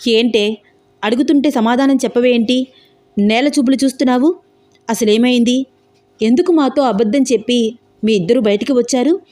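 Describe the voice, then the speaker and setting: A woman's voice: mid-range voice, moderate pace, pauses often, dark tone, close to an everyday voice. A woman voicing an outspoken, protective young woman in a storybook romance, pressing her questions indignantly. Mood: agitated.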